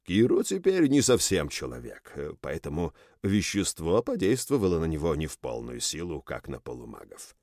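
A man voicing a calm companion who explains things in a measured way. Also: a bass voice, no echo, studio quality, full character voice. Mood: explaining. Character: calm male companion explaining a poison's effect. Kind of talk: audiobook character reading.

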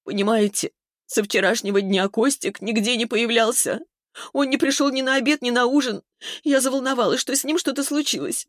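A man reading an audiobook, voicing a tearful young woman who wails and sobs in a high voice. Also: lively intonation, rapid-fire, few pauses, darkish tone, no echo, studio quality, close to an everyday voice. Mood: anxious. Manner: high, wailing and breathless. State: sobbing. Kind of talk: audiobook character voice.

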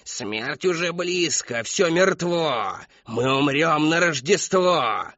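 A man's voice: lowish voice, expressive, slow, fairly bright tone, dry recording, exaggerated voice. A man voicing a frantic old woman who raves and wails about death. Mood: wailing. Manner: insistent, wailing repetition. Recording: dull lo-fi dry recording.

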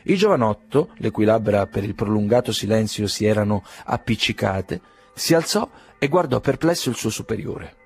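Male audiobook narrator, low, husky, measured irony, faint music under. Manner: measured, ironic storytelling.

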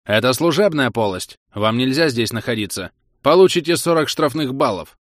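A man's voice: medium pitch, lively intonation, moderate pace, no room sound, studio quality, pitched above the performer's own voice, close to an everyday voice. A man voicing an officious, frightened male technician who speaks indignantly and sticks to the rules. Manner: indignant, rule-bound.

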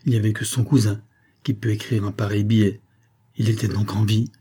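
A man reads a classic novel aloud in a steady, measured way. His voice sits low and dark. It has a husky grain. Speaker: audiobook narrator. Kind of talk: scripted narration of a novel.

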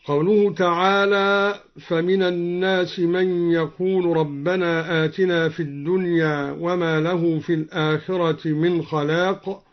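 A man teaching and chanting Quranic readings in a slow, measured, melodic way, his voice sitting a little high. It comes from a dull, muffled old radio broadcast recording. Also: steady tone.

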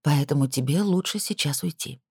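A man voicing a cold, composed wealthy woman who speaks quietly but firmly and with disdain. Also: sits low, moderate pace, breathy edge, no room sound, clean studio sound.

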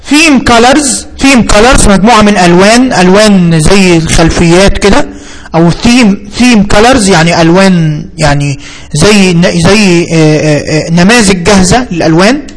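A man's voice: sits high, brisk, a little hiss or hum, low-quality recording. A man with an Egyptian accent teaching a computer lesson, thinking aloud and repeating himself as he explains each term. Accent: Egyptian Arabic. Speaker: computer instructor. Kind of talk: screen-reader software tutorial.

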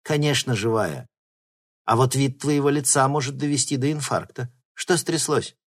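A man's voice: mid-range voice, normal speed, pitched above the performer's own voice, natural voice. A man doing a bold, breezy teen girl. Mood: teasing. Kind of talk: audiobook reading.

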